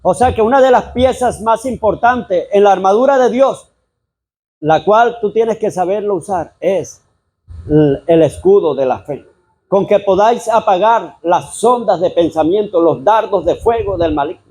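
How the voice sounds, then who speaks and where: A man delivers a sermon as a pastor. His voice sits high and has a husky, slightly rough edge. He keeps turning to the congregation and calling them brother. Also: animated, unhurried, darkish tone. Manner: preaching, repeatedly addressing listeners as "hermano".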